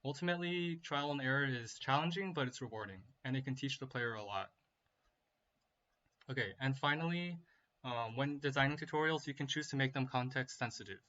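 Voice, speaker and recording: A man's voice: mid-range voice, fairly quick, pushed and bright, highs cut off. A man lecturing in an explanatory, semi-casual way, like a tutorial class talk.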